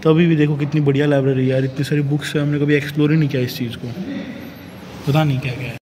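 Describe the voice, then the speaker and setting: A man's voice: on the high side, fairly even intonation, rapid-fire, warm tone, a little hiss or hum. A young man in his twenties, vlogging casually and joking with viewers while touring his college and a gym. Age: 20s. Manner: joking, chatty, talks to viewers. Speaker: fitness vlogger and college student. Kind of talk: casual vlog chat. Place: college building and gym, indoors. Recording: echoey rooms with music behind.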